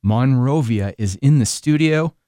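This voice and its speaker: A man's voice: mid-range voice, unhurried, dark tone, dry recording. A man hosting a radio interview in the studio, introducing and questioning his guest with an upbeat, eager manner. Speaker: radio host.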